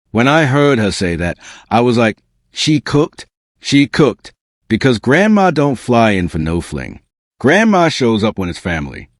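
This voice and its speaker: A man's voice: fairly low pitch, dry recording, clean studio sound. A man narrating a scripted celebrity gossip exposé in a smug, sarcastic, slangy and punchy manner. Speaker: gossip commentary video narrator.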